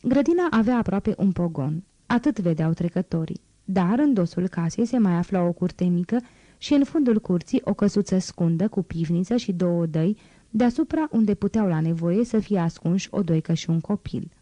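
A woman narrating a classic novel as an audiobook reader, in a measured, even storytelling manner. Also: fairly low pitch, dry recording. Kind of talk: audiobook reading.

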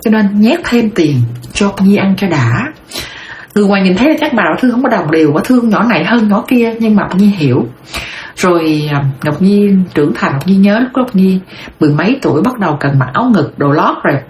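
A middle-aged woman with a Southern Vietnamese accent, telling her own life story in a rambling, heartfelt way. Her voice sits at an ordinary pitch for a woman. It is recorded with a roomy echo and a faint noise underneath. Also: animated, fairly quick, a little mellow. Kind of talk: personal storytelling monologue.

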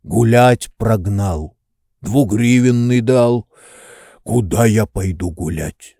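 A man voicing a lazy old manservant who grumbles and makes excuses in a low, indifferent tone. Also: slow, gravelly, warm tone, dry recording, clean studio sound, exaggerated voice.

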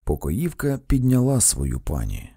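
Low, husky male audiobook narrator. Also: measured pace, no room sound, studio quality. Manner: expressive, dramatic reading. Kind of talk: first-person audiobook narration.

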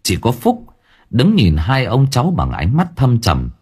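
A man narrating an audiobook in a dramatic, expressive manner. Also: mid-range voice, a little slow, slightly rough. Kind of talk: scripted narration.

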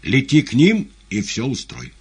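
A man's voice: medium pitch, wildly swooping pitch, unhurried, a little mellow, husky, voice pushed up, exaggerated voice. A man voicing a cold, commanding male devil in an audiobook, speaking curtly and ironically. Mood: stern, ironic. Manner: stern, curt, ironic. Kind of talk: audiobook character reading.

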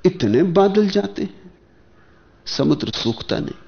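Gravelly man giving a spiritual discourse. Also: high-pitched, lively intonation. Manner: measured, in short phrases with pauses and rhetorical questions. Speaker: spiritual teacher. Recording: dull lo-fi archival lecture tape.

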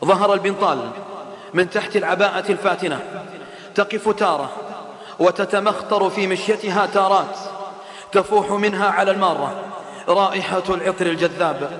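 A man's voice: high-pitched, a little fast, long pauses, a bit bright. A man preaching an impassioned sermon, calling out rhetorical questions to his listeners. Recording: echoey hall reverb.

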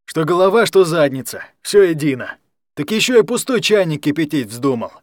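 A man voicing a coarse, mocking male guardian who speaks gruffly and with a sneer, in a read-aloud story. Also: fairly high pitch, expressive, moderate pace, no echo, clean studio sound, natural voice. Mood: gruff bullying.

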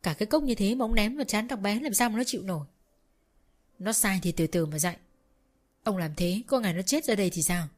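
A woman voicing a doting but spiteful older mother-in-law who scolds in a shrill voice. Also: fairly quick, lightly acted. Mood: shrill scolding.

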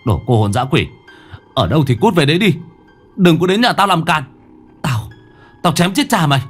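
Terrified young man, stammering, shouting at a ghost; played by the male narrator. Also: fairly low pitch, animated, unhurried, soft background music. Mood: furious shouting. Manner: stammering, then shouting threats. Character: frightened young man guarding his home.

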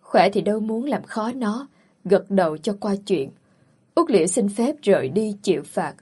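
A woman narrating a story in a steady, plain telling. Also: medium pitch, normal speed, breathy edge.

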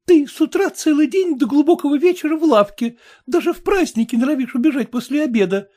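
A woman's voice: animated, fast talker, warm tone. A woman voicing a young tearful wife in a storybook reading, sobbing and accusing. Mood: tearful reproach. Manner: sobbing, accusing, high-strung. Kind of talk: audiobook reading.

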